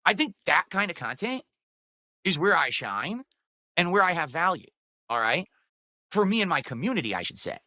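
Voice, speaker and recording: A man's voice: fairly high pitch, big pitch swings, normal speed, pauses often, sharp tone, no room sound, clean studio sound. A man in his forties talking on his stream in a rambling way, often checking in with "right?". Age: 40s. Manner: rambling, keeps asking "right?".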